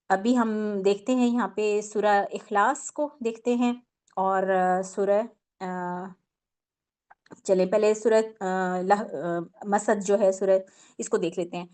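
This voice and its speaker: A woman's voice: medium pitch, a little mellow. A woman teaching a tajweed lesson on Quran recitation, explaining patiently step by step with many fillers and English words mixed in.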